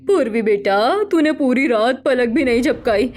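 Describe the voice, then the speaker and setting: A woman voicing an ailing older mother who pleads gently with her son in a cartoon story. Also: fairly high pitch, lively intonation, measured pace, music in the background. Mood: pleading. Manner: soft, pleading, worried.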